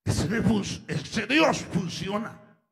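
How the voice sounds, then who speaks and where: Fervent gravelly preacher. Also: male voice, high voice, lively intonation, fairly bright tone. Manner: rising to fervent, drawn-out exclamations. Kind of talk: evangelical sermon with storytelling.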